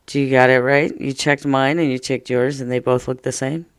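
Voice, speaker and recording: A man teaching an online first grade phonics lesson, sounding out words slowly and cheering children on. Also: mid-range voice, little pitch movement, clean tone, no room sound, clean studio sound.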